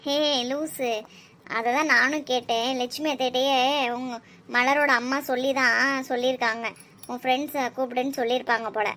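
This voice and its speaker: A woman voicing a calm, practical middle-aged mother in a cartoon, matter-of-fact and gently scolding. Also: high voice, normal speed. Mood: insistent. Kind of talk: cartoon voice acting.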